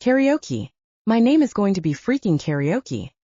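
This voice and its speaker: A woman's voice: mid-range voice, very animated, unhurried, warm tone, no room sound, highs cut off. A woman narrator voicing a distraught young bride who is crying and hiccuping through her complaints. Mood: indignant. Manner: wailing, exasperated complaints.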